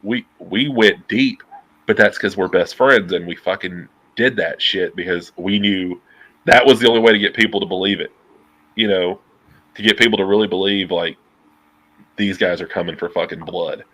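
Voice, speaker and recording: Speaking at a moderate pace in a low, nasal voice, a man in his thirties comes through on a rough recording. He's a guest on a video call over earbuds, swearing freely in a casual interview chat while animatedly waving his hands. He sits in a dim room at home.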